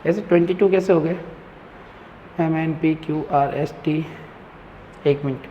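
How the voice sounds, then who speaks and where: A man's voice: fairly high pitch, steady tone, a little slow, lo-fi sound. A man teaching an English grammar class, often repeating key words as questions to his students. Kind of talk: classroom lecture. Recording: echoey classroom, faint hum.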